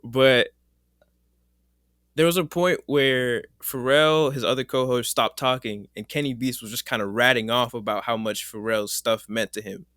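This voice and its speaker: A man's voice: medium pitch, steady tone, moderate pace, a bit bright, dry recording. Laid-back man hosting a podcast, dry sound. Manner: laid-back, laughs often, slangy. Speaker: podcast host. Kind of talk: casual chat.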